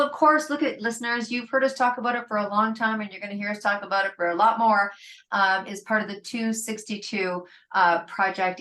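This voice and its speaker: A woman's voice: mid-range voice, a bit bright. A woman hosting a podcast, enthusiastic and affirming as she reacts to her guest and addresses listeners. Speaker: podcast host. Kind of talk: podcast interview.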